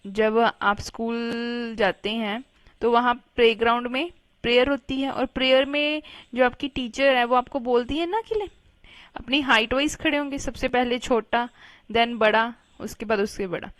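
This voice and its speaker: A woman's voice: on the high side, steady tone, normal speed, no echo. A woman teacher giving a children's Hindi reading lesson, patiently spelling each word out syllable by syllable.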